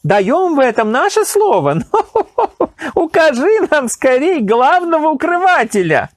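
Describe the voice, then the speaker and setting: A man's voice: extremely high pitch, very animated, unhurried, no room sound, voice pushed up, exaggerated voice. A man voicing an imperious, impatient male emir who speaks of himself as "we", in a dry recording. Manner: haughty, impatient, royal "we".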